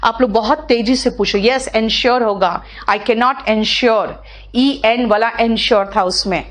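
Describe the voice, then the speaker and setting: Slow-reading Indian woman English teacher. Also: fairly high pitch. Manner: patient, explains in Hindi, reads English sentences slowly. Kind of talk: live online class, answering student questions.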